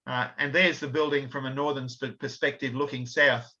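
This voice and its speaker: A man's voice: medium pitch, fairly even intonation, normal speed, sharp tone. A man gives an illustrated history talk, explaining slides with fillers and self-corrections. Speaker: author and researcher giving a talk. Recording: slightly dull lo-fi audio.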